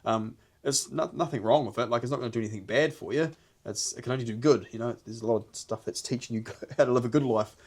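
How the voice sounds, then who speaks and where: A man's voice: mid-range voice, quick pace, few pauses, darkish tone. A man with a broad New Zealand accent chatting casually and earnestly on a podcast, rambling a little and using plenty of slang. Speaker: podcast host.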